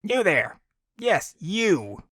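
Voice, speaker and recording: A man voicing an angry male alien with a stiff, clear, high-pitched way of speaking, in a dry audiobook reading. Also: animated, measured pace, fairly bright tone, dry recording. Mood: furious. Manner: scolding, commanding. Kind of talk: audiobook character voice.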